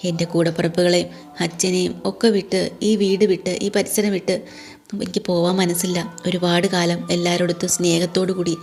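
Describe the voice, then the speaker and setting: A woman's voice: fairly low pitch, close to an everyday voice. A woman voicing a loving young woman who is leaving her family home in a retold TV serial story.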